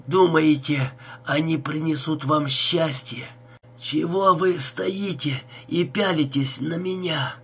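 A man reading an audiobook, voicing a stabbed young man who begs for help in a hoarse, choked voice with slow, gasping words. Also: a little high, fairly bright tone, voice pushed up, exaggerated voice.

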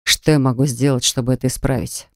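A guilt-ridden husband pleads softly and earnestly, as a woman narrator lowers her voice for him. The storybook reading is close and dry, with no room around it. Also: fairly even intonation, brisk, no echo, lightly acted. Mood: pleading. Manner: pleading, hushed and low. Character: remorseful husband begging wife back.

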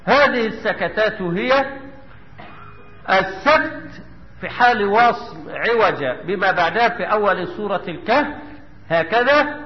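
A man's voice: sits high, lively intonation, measured pace, long pauses, big-room sound, muffled recording. A man with an Egyptian Arabic accent teaching a tajweed lesson, quizzing the class and answering his own questions. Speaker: Quran recitation teacher. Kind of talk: tajweed lesson with chanted recitation.

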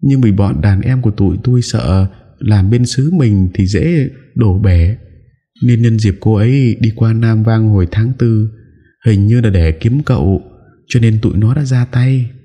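Husky sly gangster woman, voiced by a man. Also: lowish voice, a little slow, warm tone, pitched above the performer's own voice. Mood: confessing. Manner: stammering, pleading. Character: shady middle-aged female gangster, nervous and sly. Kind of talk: audiobook character voice.

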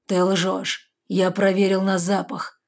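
A woman voicing a brooding, predatory male fairy lord who speaks in a firm, clipped, slow way. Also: fairly low pitch, a little mellow, breathy edge. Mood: cold commanding.

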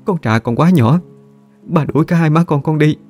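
A man's voice: on the high side, normal speed, darkish tone, soft background music, pitched above the performer's own voice, close to an everyday voice. A man doing a sobbing young servant woman. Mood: tearful pleading. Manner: sobbing, begging. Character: desperate young woman servant, pleading in tears.

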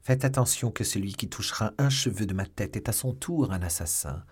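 A man's voice: lowish voice, a little fast, breathy edge. A man voicing a cornered, scheming young noblewoman in a read-aloud novel. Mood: defiant.

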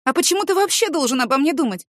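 A woman voicing a proud, quick-tempered young woman who snaps back in shrill, indignant outbursts. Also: expressive, dry recording, studio quality.

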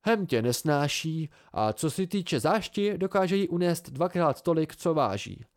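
A man's voice: fairly high pitch, big pitch swings, pitched above the performer's own voice. A man reading an amateur audiobook, voicing a dry-witted seasoned man who lectures his younger friends wryly. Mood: lecturing.

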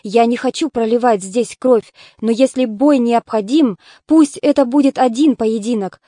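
A woman reading the lines of a calm, commanding young male hero in an audiobook. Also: a little high, normal speed, dry recording, studio quality, lightly acted. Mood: firm.

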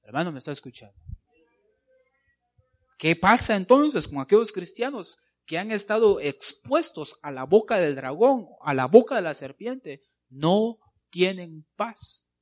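A man's voice: high voice, big pitch swings, normal speed, a little mellow. A man preaching a sermon, emphatic and constantly addressing his listeners as brother.

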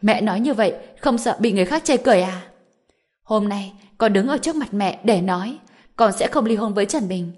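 A woman's voice: medium pitch, fairly even intonation, brisk, a little mellow, natural voice. A woman voicing an exasperated young wife who firmly stands up to her mother in an audiobook. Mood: indignant. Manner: firm, indignant.

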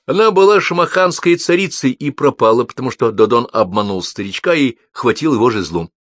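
A man's voice: on the low side, expressive, unhurried, no echo, studio quality. A man doing a cheeky gallant schoolboy. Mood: playful. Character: bold playful schoolboy in glasses.

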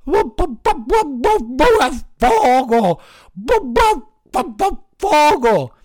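A man's voice: very high voice, sing-song, drawn-out words, a little mellow, no room sound, clean studio sound, pitched above the performer's own voice, full character voice. A man voicing a panicked male mastiff dog who barks and stammers through his words. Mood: frantic. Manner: barking stammer, pleading wail.

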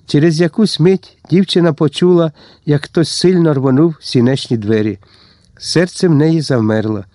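A man narrating a story as an audiobook reader, steady and tense. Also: fairly high pitch, normal speed, no room sound, clean studio sound. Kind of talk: scripted narration.

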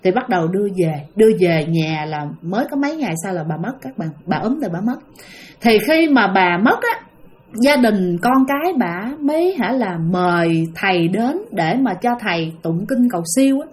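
A woman's voice: medium pitch, expressive, normal speed. A woman telling a ghost story to her channel's listeners in a chatty, casual way, speaking to them directly and trailing her phrases with particles.

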